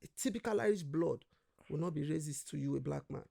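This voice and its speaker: A man's voice: on the high side, quick pace, creaky, dark tone. A man from Nigeria, a guest in casual conversation, telling stories animatedly, acting out quoted voices and swearing freely.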